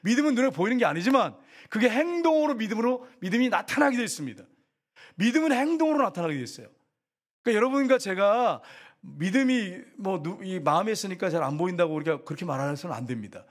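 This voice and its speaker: A man's voice: high-pitched, big pitch swings, fast talker. A middle-aged male pastor, preaching a sermon animatedly and putting rhetorical questions to the congregation.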